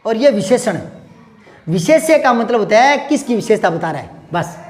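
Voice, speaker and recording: A man's voice: very high-pitched, expressive, moderate pace. A male teacher giving a grammar lesson to a class. He patiently drills words again and again, calls the pupils "beta" and keeps asking them questions.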